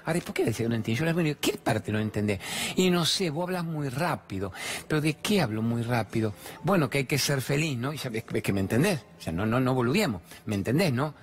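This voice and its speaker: A man's voice: mid-range voice, expressive, fast. A man with an Argentine accent giving an emphatic, repetitive motivational talk, acting out bits of dialogue. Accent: Argentine Spanish. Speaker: motivational speaker.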